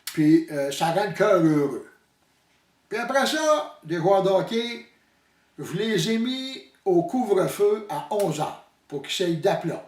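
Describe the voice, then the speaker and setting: Here the Quebec-accented man's voice is high and sing-song, and he takes his time. His comic hunting story stays folksy and hesitant, full of muddled expressions, recorded with roomy echo from a distant mic.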